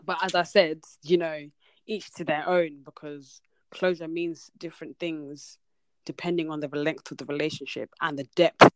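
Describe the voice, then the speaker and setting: A woman's voice: low-pitched, steady tone, normal speed, no echo, poor audio. A young woman hosting a casual podcast chat. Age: young adult. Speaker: podcast host.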